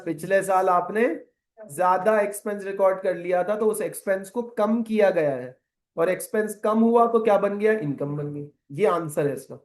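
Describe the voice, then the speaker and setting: This male accounting lecturer has a high voice and talks at a normal speed. His classroom lecture, which includes a side rant, is animated and full of rhetorical questions, and he mixes English terms into his Urdu.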